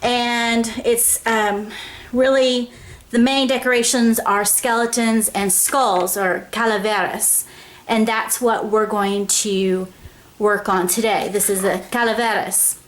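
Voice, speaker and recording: A woman hosts her own craft show, guiding viewers through a project step by step in a casual, chatty style and often checking in with a quick "okay?". Her voice is a little high with a fairly bright tone.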